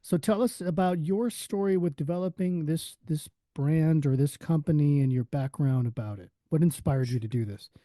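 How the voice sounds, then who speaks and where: A man's voice: a little high, moderate pace, few pauses, mellow, no echo. A man hosting a business podcast, asking friendly, conversational questions. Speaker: podcast host.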